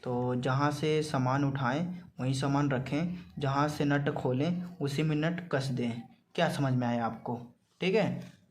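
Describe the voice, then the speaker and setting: In a clearly noisy amateur vlog with background ambience, a male vlogger from Gorakhpur, India, talks casually to viewers. He uses an eastern Uttar Pradesh accent, explains things repetitively, and keeps checking in with tags. His medium-pitched voice is steady and unhurried.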